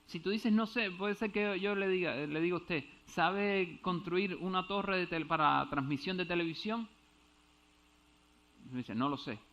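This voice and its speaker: A man with a fairly high voice preaches in a church, walking slowly through a Bible verse. He keeps checking whether his listeners follow and trips over Greek words. The recording is dull and lo-fi. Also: fairly bright tone. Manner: explains step by step, often asks if understood. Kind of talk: Bible teaching sermon.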